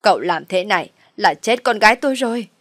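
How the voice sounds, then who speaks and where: Woman voicing a scheming mother, loud, theatrical wailing, storybook reading. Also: fairly low pitch, fairly even intonation, moderate pace, no echo, clean studio sound, close to an everyday voice. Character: shrill scheming middle-aged mother, loud and dramatic.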